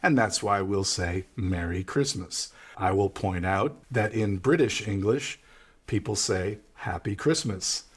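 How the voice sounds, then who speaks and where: Slow, patient American man teaching English. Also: lowish voice, husky. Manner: patient, explanatory, repeats key words. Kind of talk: vocabulary lesson.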